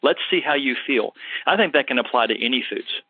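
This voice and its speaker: Answering a caller on his health show, this host and health practitioner is casual and thoughtful, full of fillers. He has a medium-pitched, slightly rough voice that's animated and brisk, captured dry with no echo and a narrow, phone-like quality.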